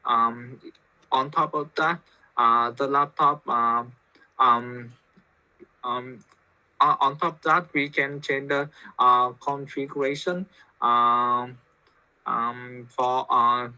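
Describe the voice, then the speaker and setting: Male learner, Vietnamese accent, stumbling answer, bright tone, dry close sound. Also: medium pitch, fairly even intonation, smooth, no room sound, poor audio. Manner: halting, heavy with fillers. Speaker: student. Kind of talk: hesitant practice answer.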